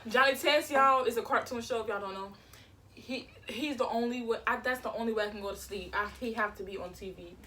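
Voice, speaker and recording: A woman's voice: fairly high pitch, brisk, bright, forceful tone. A woman talking casually to viewers while eating and chewing, in a mukbang question-and-answer chat. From Florida, United States. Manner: informal, addresses viewers as y'all. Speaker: mukbang host.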